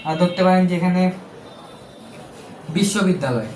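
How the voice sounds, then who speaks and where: A man's voice: high voice, animated, normal speed, roomy sound, background noise. A man giving a casual video lesson, chatty and correcting himself as he goes. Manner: chatty, self-correcting, with fillers. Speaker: teacher.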